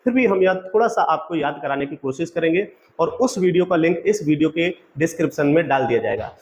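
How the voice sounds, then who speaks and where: A man's voice: on the high side, expressive, quick pace, a little mellow, a little hiss or hum. A male exam-prep teacher giving a quiz-style lecture. He asks each question, gives the answer, then asks again so the students repeat it, and keeps calling the audience friends.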